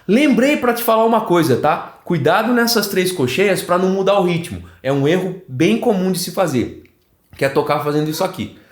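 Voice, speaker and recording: A man with a Brazilian Portuguese accent teaching an online flute lesson, explaining in an animated way and often checking in with the viewer. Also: sits high. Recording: roomy echoey room.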